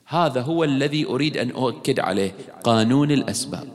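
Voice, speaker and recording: A man preaching a sermon. He argues emphatically and asks rhetorical questions with sharp rises in his voice. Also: medium pitch, animated, fast talker. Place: mourning house hall. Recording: long hall reverb.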